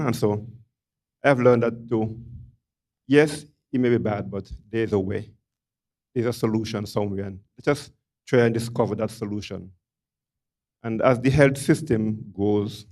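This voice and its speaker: A man's voice: lowish voice, darkish tone. A man in his sixties with a Nevisian accent, a doctor making a public comment at a forum on a handheld microphone. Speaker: doctor, audience speaker. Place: forum room, among seated audience.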